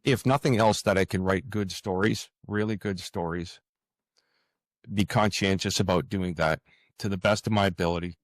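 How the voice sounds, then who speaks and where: In this laid-back interview, a guest author with a deep, low male voice gives conversational answers, speaking sincerely but haltingly as he hunts for the right words. There is almost no room around his voice; the sound is dry.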